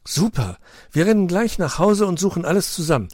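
A man's voice: high-pitched, dry recording, studio quality, pitched above the performer's own voice. A man doing a cheerful young dog friend. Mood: eager. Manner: lively, quick to laugh.

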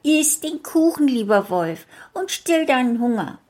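Lady doing a sweet little girl voice, high and eager, storybook kid. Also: sing-song, a little slow, a little mellow, exaggerated voice.

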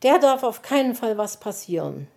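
Woman playing a squeaky fussy little gnome guy. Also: very animated, normal speed, vocal fry, darkish tone, heavily acted. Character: small excitable male gnome.

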